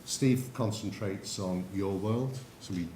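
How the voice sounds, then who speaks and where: An English man delivers a presentation in a lecture hall, turning to the audience with questions and stories. His voice sits a little low, and the room rings with echo under a faint hiss. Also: slow, warm tone. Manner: anecdotal, addresses the audience directly. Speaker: conference speaker.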